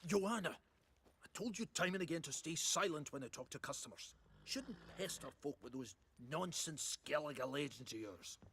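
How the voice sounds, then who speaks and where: A middle-aged blacksmith, boastful and sarcastic, laughing at his customers. His pitch sits a little high and swings widely as he mocks. This is video game dialogue. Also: expressive, normal speed, bright, forceful tone, a little hiss or hum.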